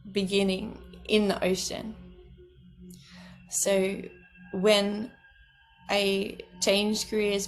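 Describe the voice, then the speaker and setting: A woman talks through a personal story on her podcast, earnest and gentle. Her pitch stays level with little rise and fall, and she keeps breaking into soft laughs. Quiet music sits faintly underneath. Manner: laughs softly between phrases. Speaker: podcast host. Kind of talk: reflective personal storytelling monologue.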